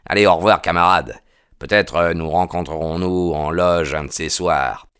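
A man's voice: low voice, normal speed, fairly bright tone, clean tone, dry recording, studio quality. A man doing a chatty, confiding miner. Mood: advising.

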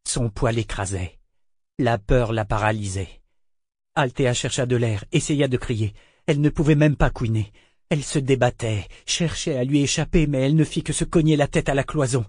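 A man narrating an audiobook in a measured, steady storytelling manner. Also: medium pitch, breathy edge, dry recording, clean studio sound. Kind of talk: scripted narration.

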